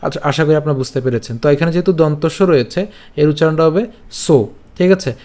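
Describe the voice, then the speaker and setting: A man teaching scripture recitation over slides, breaking words into syllables slowly and patiently, often checking that listeners follow. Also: on the high side, darkish tone. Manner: patient, repeats each syllable, checks understanding. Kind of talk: slow syllable-by-syllable pronunciation lesson.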